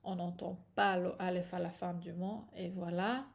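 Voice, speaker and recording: A woman's voice: fairly low pitch, level tone, moderate pace, gravelly. A woman teaching a patient, step-by-step reading lesson, often checking in with her students. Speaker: Hebrew teacher.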